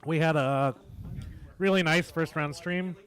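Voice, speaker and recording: A man commentating a tabletop wargame stream in a relaxed, chatty, analytical way. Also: fairly high pitch, measured pace. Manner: chatty, analytical, laughs easily. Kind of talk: casual live game commentary.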